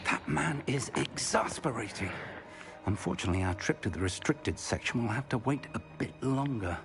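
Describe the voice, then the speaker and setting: A man's voice: mid-range voice, expressive, moderate pace, natural voice. An actor playing an older male professor who speaks in a formal, articulate way. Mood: weary.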